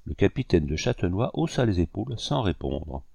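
Low, dark-voiced male audiobook narrator. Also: big pitch swings, moderate pace, creaky, no echo. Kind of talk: scripted narration.

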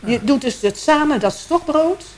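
A woman chatting casually as a radio co-host, talkative and animated. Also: high-pitched, normal speed, a little hiss or hum.

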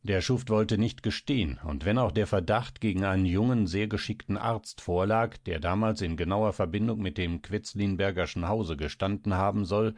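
A man's voice: deep voice, darkish tone, no echo, clean studio sound. A man doing a grumbling, irritable doctor. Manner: grumbling, impatient. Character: gruff, irritable older male doctor.

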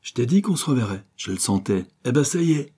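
A man's voice: medium pitch, very animated, fast, dark tone, husky, voice pushed up. A man reading an audiobook, voicing a male tramp with familiar, street-style talk. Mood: cheerful. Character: male tramp, old friend, cheerful.

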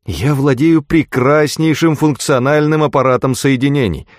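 Reading an audiobook, a man voices a proud character fused with a space station, giving him a grating, metallic machine voice. The delivery is medium-pitched and moderately paced, set slightly above the performer's natural voice yet close to an everyday one, in a clean, echo-free studio recording.

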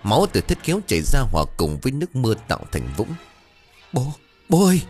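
A man's voice: fairly low pitch, sing-song, racing, soft background music. A man narrating a ghost story with dramatic, ominous storytelling.

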